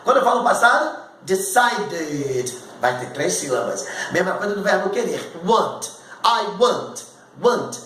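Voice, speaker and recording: Lively Brazilian man teaching pronunciation. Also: high voice, normal speed. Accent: Brazilian Portuguese. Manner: repeats sounds for drilling, animated. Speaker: English teacher. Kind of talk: casual pronunciation lesson. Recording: echoey room with faint noise.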